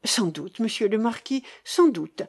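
A timid, plump man of law, pale with fear and flustered, his protests rising higher, as a woman reads him in a storybook. His pleading lines leap about in pitch. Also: animated, measured pace, darkish tone, husky, full character voice.

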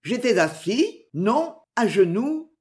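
A woman's voice: a little high, sing-song, takes it slowly, darkish tone. A woman reader voicing a half-mocking, sententious friar in a storybook reading. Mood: mock-pious. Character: jovial mocking friar, middle-aged man.

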